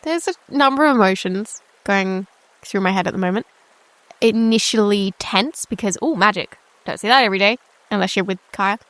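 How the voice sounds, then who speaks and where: A woman's voice: medium pitch, moderate pace, fairly bright tone, no room sound. A woman with a slightly nasal voice, chatting animatedly as a player in a tabletop game. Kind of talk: tabletop role-play.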